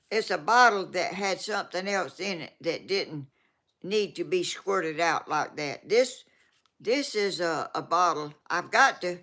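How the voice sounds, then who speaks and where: A woman in her eighties with a Georgia Southern accent reads viewer comments as a vlogger, rambling casually, trailing off and restarting. Her voice is medium-pitched, bright and forceful.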